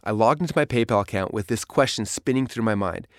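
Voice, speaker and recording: A man's voice: lowish voice, quick pace, no echo, clean studio sound. A man reading his own memoir aloud in a storytelling manner. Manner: storytelling, dramatic in places. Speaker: narrator. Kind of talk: memoir audiobook narration.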